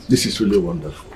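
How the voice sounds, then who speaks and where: A pleased low-voiced uncle. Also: male voice, noisy background. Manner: slow, approving. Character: pleased older uncle, blessing and generous. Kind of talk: Nollywood film acting.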